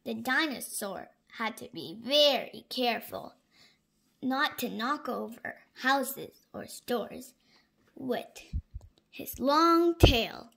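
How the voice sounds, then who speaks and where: A high-pitched woman with vocal fry gives an expressive read-aloud of a picture book for young children. She reads slowly and animatedly, with exaggerated emphasis aimed at small kids, though the audio quality is poor.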